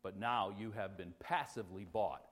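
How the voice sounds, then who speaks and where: A man preaching a sermon as pastor, mixing loud, excited exclamations with quiet, conversational teaching asides and humor. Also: on the low side, moderate pace.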